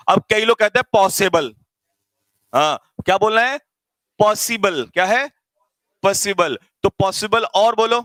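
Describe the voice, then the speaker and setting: High bright-voiced teasing male teacher. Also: no room sound, poor audio. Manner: teasing, energetic, quizzes students rapid-fire. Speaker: English grammar teacher. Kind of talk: live online class teaching.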